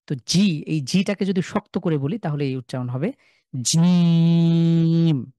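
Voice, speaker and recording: A young man with a Bangladeshi Bengali accent, teaching an online class and sounding out each letter slowly and loudly before explaining it. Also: on the high side, lively intonation, dry recording. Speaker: Quran recitation teacher. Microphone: video call.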